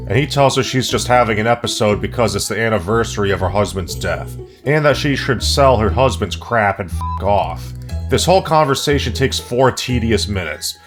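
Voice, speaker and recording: A man narrating a comedic movie review in a sarcastic, profane, deadpan way. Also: on the low side. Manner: snarky, profane, deadpan jokes.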